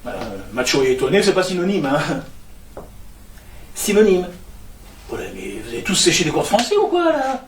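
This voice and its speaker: An actor performs stage comedy as a clumsy, tactless, self-satisfied office worker and neighbour who stammers when flustered, using an exaggerated voice that is high with huge pitch swings. He talks at normal speed with long pauses, and the distant, echoey stage recording carries a little hiss or hum.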